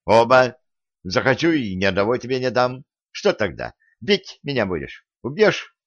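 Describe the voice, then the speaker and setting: A man's voice: medium pitch, sing-song, a little slow, fairly bright tone, dry recording. A man voicing an arrogant, quarrelsome teenage boy in an audiobook, speaking haughtily and sharply. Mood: angry. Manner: haughty, quarrelsome, raising his voice. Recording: dull lo-fi recording.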